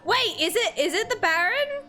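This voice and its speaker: Young female streamer, high voice, reads game text aloud and reacts with loud alarm. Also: big pitch swings, normal speed, faint music behind. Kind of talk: live game playthrough commentary.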